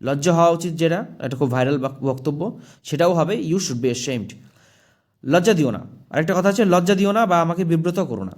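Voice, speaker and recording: Man teaching spoken English, slow examples. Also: on the high side, expressive, a little mellow. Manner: slow, drawn-out model phrases for repeating; asks "okay?" after each point.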